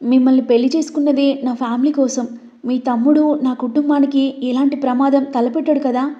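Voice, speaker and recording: A woman's voice: sits high, steady tone, a little fast, close to an everyday voice. A woman voicing a frightened young bride who pleads through tears in a storybook reading. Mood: tearful. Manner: pleading, tearful. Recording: dull lo-fi recording.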